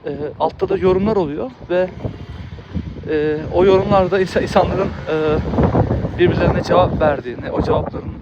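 A man's voice: sits high, fairly quick, lo-fi sound, background noise. A man who makes videos, talking in a loose, rambling way with frequent laughs and restarts. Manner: chatty, laughs often, many fillers and restarts. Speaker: video creator. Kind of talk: casual rambling monologue.

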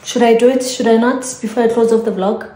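A woman's voice: on the high side, steady tone, quick pace, warm tone. A South African woman signing off her home vlog in a chatty way, repeating her thanks and trailing into fillers. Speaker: vlogger. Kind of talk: casual vlog sign-off. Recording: echoey room.

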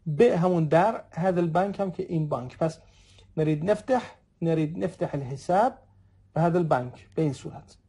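A man in his thirties gives a recorded language lesson in a dark, gravelly, slightly husky voice. He works patiently through example sentences, repeating each phrase slowly. He speaks to his listeners as friends. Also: a little high. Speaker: Arabic dialect teacher.

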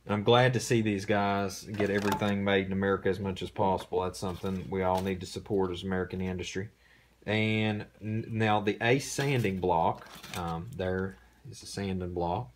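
A man hosting a casual unboxing, talking in a relaxed, rambling way with many fillers, recorded indoors on a camera mic. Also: low-pitched, moderate pace, slight background noise. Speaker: host. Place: indoor room.

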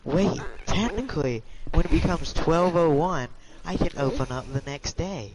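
A man's voice: fairly high pitch, expressive, moderate pace, noisy background. A man chatting casually while gaming with a friend, teasing and matter-of-fact. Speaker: gaming partner.

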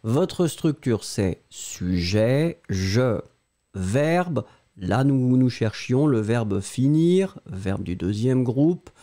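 A man's voice: mid-range voice, expressive, very slow, dark tone. A man teaching French grammar on a live stream, patiently spelling out words and answering viewers by name.

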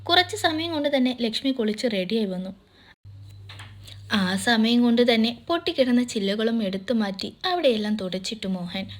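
A woman reading a romance story aloud, voicing every character in the same even narrating voice. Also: a little high, normal speed. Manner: reads all characters in one even narrating voice.

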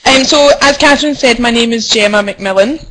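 A young adult midwife from Scotland, with a Scottish accent, gives a conference presentation over a web call through a computer mic. Her voice sits on the high side and moves briskly, with background noise, and she sounds friendly and formal while often saying um.

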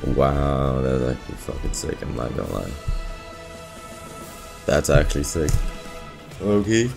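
A young man giving excitable, profane commentary while playing a video game. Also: extremely low pitch, measured pace. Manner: excitable, profane, reacting loudly. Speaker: let's play host. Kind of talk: gaming commentary. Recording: music playing clearly behind. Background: game music.

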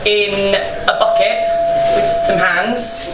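A woman's voice: mid-range voice, fairly even intonation, slow pace. A young woman tells her story casually on stage, chatty and loose, with swearing and laughter running through her words. She speaks into a handheld mic in a small event room full of people, and the sound comes across roomy and from a distance, with room noise behind her. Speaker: bakery co-owner telling its story. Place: small indoor event space with a seated audience. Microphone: handheld microphone.

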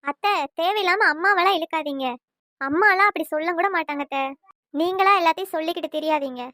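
A woman's voice: extremely high pitch, fast talker, dry recording, studio quality. A woman doing a meek, pleading young wife. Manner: soft, apologetic, deferential. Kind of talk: cartoon voice acting.

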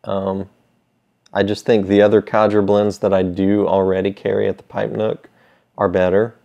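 A man's voice: lowish voice, flat delivery, moderate pace, creaky, warm tone. A middle-aged man in a laid-back, hesitant, rambling casual chat to camera, talking around a pipe held in his mouth. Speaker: pipe tobacco seller. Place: small indoor room with shelves. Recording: slightly dull, lo-fi sound.

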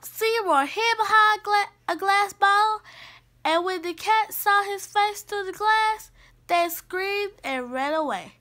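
A woman's voice: extremely high pitch, slow pace, pushed and bright. A woman reading a children's picture book aloud, carefully, with small restarts. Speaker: storybook reader.

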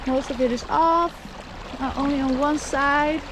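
Cheerful young woman, sailing vlog, slightly high voice, action cam on deck. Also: steady tone, a little slow, background noise. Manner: cheerful, chatty, laughs easily. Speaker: sailing vlogger. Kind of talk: casual vlog narration. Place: outdoors on a sailboat deck. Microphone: action camera held at arm's length.

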